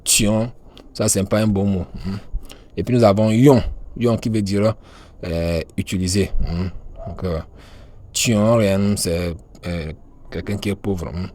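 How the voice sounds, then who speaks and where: A man giving a calm, hesitant pronunciation lesson, with many fillers and hums between words. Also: lowish voice, slow pace. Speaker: language teacher.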